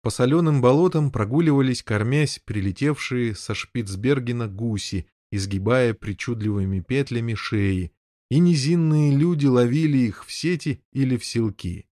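A man reading a novel aloud as an audiobook narrator, with an even storytelling delivery. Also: mid-range voice, moderate pace, no echo, clean studio sound. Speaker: audiobook reader. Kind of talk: scripted narration.

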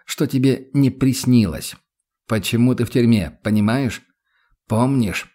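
A man voicing a calm, stern male investigator who questions in a level, insistent voice. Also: mid-range voice, measured pace, close to an everyday voice.

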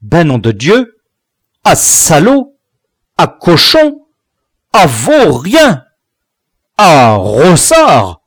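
A man voicing a gruff, furious rural father who swears and shouts at his son. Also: a little high, very animated, slow, dry recording, studio quality, voice pushed up, full character voice. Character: angry rural French father, gruff, scolding.

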